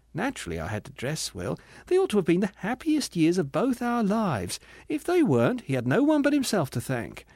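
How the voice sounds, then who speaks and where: A man's voice: a little high, darkish tone, no room sound, studio quality, exaggerated voice. A man reading the part of a self-righteous female ghost who complains domineeringly and primly about her late husband. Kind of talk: audiobook character reading.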